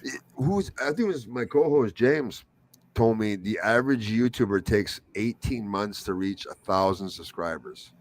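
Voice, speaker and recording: A man's voice: fairly low pitch, animated, normal speed. A man hosting a livestream. He chats casually, asks his guest questions and laughs often. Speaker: host.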